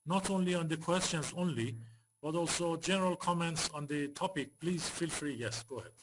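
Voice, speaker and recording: A man's voice: on the high side, moderate pace. A man speaking as a panelist over a video call that keeps dropping out, repeatedly asking whether he can be heard. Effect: call dropping out, audio breaking up. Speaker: panelist in an online discussion. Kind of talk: live video call discussion. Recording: noisy, clicking online call line.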